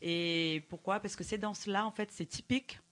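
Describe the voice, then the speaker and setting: A woman from Brazil with a Brazilian accent, explaining things as an interview guest in halting French with small grammar slips and a foreign accent. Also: mid-range voice, fairly even intonation, a bit bright. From Brazil, Belém in the Amazon region. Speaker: guest, dancer and show creator.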